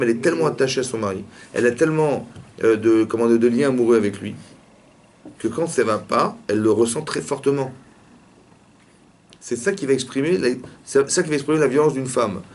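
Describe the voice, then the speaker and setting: A man, a rabbi, teaching a lively religious lesson in a classroom and pressing his students with repeated questions. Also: medium pitch, brisk.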